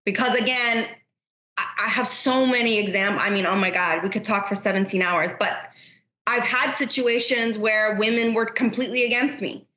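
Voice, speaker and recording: A middle-aged woman who manages a business unit talks openly and at length as a guest on a podcast, in a relaxed interview chat. Her mid-range voice stays steady at a normal speed with a sharp edge, sounds reverberant, and is full of fillers like "you know."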